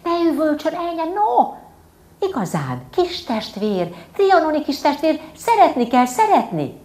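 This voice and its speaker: A woman's voice: high-pitched, wildly swooping pitch, a little mellow, voice pushed up. A woman voices an elderly housekeeper who coaxes in a sugary, lifted tone. The voice sits well above her own and sounds a little far off. The hall around it is roomy. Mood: coaxing. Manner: coaxing, honeyed. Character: sweet-talking old housekeeper woman, soothing.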